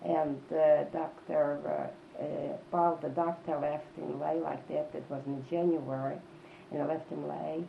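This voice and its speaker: Elderly woman, low gravelly voice, halting reminiscence, repeated phrases, dull tape. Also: level tone. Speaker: oral history interviewee. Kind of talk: casual reminiscing in an interview. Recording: dull, lo-fi tape with faint noise.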